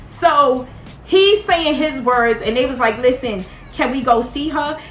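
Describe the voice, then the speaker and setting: Chatty high-voiced woman recapping TV. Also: measured pace, reverberant, faint music behind. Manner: chatty, animated, talks straight to viewers. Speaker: TV show recap host. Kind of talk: casual TV recap commentary.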